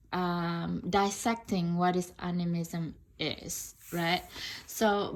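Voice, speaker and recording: Woman from indonesia, english speaker, lowish voice, unhurried, rambling tarot review chat with fillers. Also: a little mellow. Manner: thoughtful, rambling, many fillers and restarts. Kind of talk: casual unboxing review talk.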